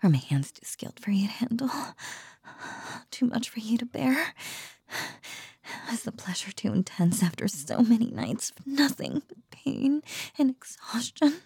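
A woman voicing an ancient, possessive nine-tailed fox goddess in a whispered ASMR roleplay, speaking in a slow, teasing, breathy murmur. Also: on the high side, big pitch swings, mellow, no room sound, clean studio sound, full character voice. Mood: seductive, teasing.

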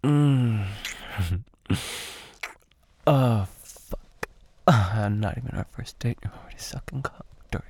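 Speaking right up against the mic, a man whispers softly through an intimate audio roleplay, with low sighs and moans breaking in. His delivery is slow and creaky, with frequent pauses.

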